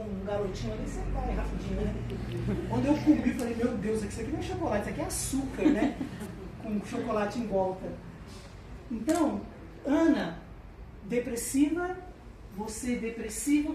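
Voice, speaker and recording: Brazilian woman doing a funny talk, kinda high voice, echoey hall, noisy background. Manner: animated and humorous, acts out quoted voices; chatty, tags lines with "né". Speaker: lecturer. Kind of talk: motivational talk to an audience. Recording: echoey, mic far off, background noise.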